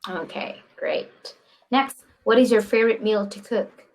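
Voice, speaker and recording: A woman's voice: mid-range voice, unhurried, darkish tone, poor audio. Young woman teaching english over a video call, patient, asks lots of easy questions. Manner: friendly, patient, guiding questions. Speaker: English tutor. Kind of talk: online English lesson. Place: indoor room, video call.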